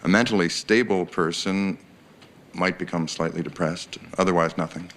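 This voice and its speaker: An actor playing a self-assured psychiatrist giving formal, clinical testimony in a TV courtroom drama. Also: male voice, sits low, fairly even intonation, normal speed, fairly bright tone. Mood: measured. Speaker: psychiatrist expert witness. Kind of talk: television courtroom drama acting.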